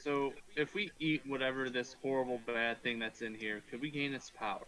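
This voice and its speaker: A man's voice: mid-range voice, steady tone, brisk, a bit bright, rough recording. Playful man at the game table. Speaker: player. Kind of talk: casual tabletop game chat.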